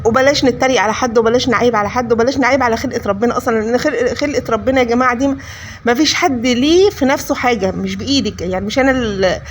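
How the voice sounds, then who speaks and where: Egyptian woman cooking vlogger, rapid-fire, slightly high voice, scolding tone, faint noise behind. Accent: Egyptian Arabic. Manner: scolding, preachy; addresses viewers as "kids". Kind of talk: casual chat while cooking.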